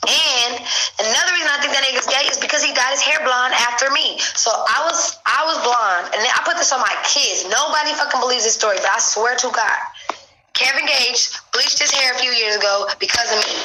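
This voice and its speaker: A young woman spins gossip for her stream with a bright, forceful edge to her voice. She sits a little higher than most women in pitch and keeps it loose and conversational, slipping into other people's voices as she tells the story. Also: brisk, a little hiss or hum, rough recording. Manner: animated gossip, acts out quotes. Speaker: live streamer. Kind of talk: casual storytelling on a livestream.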